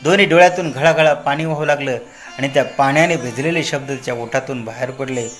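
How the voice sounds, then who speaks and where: A man narrating a devotional story in a dramatic way, moving between soft and raised delivery. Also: mid-range voice, brisk, soft background music.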